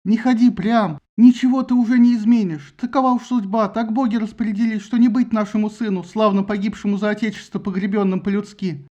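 A man's voice: sits high, fairly even intonation, a little fast, hardly any pauses, mellow, lo-fi sound, pitched above the performer's own voice, lightly acted. A man voicing a grieving old queen who wails and pleads. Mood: wailing. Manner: wailing, pleading.

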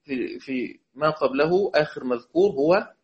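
A man with an Egyptian accent teaching Quran recitation, chanting verses slowly and quizzing his students. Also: on the high side, expressive. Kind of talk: religious lesson. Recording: dull lo-fi recording.

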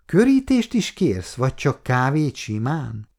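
A man's voice: mid-range voice, wildly swooping pitch, a little mellow, breathy edge, full character voice. Man putting on a cooing, flirty office woman. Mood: flirting. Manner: cooing, coquettish.

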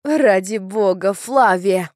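A woman's voice: mid-range voice, animated, a little slow, dry recording, clean studio sound, lightly acted. A woman reading an audiobook, voicing a frightened young woman who accuses with a trembling voice. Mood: accusing. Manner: shouting accusations.

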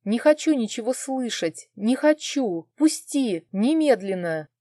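A woman's voice: a little high, expressive, unhurried, warm tone, no echo, studio quality, pitched above the performer's own voice. A woman reading the lines of a young heroine lashing out in fury and despair, in an audiobook. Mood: furious. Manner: furious, hissing.

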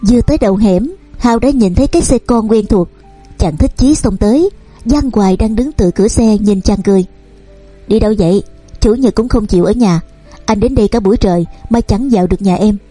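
Soft-voiced woman narrating a romance. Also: medium pitch, breathy edge, no room sound. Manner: reads every character's lines in her own voice, lively and quick in arguments. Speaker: audiobook narrator. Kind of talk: scripted narration of a romance novel. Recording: dry close recording with soft music underneath.

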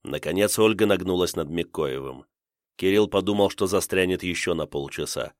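Low-voiced male audiobook narrator. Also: moderate pace, no echo, clean studio sound.

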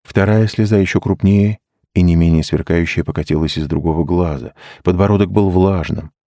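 A man reading an audiobook in steady, measured storytelling narration. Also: sits low, dry recording. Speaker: audiobook reader. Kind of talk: scripted narration.

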